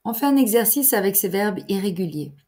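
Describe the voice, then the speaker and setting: A woman teaching grammar in a clear, deliberate lesson voice, pausing for exercises. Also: medium pitch, animated, mellow. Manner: deliberate, articulated teacher's delivery with pauses for exercises. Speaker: French teacher.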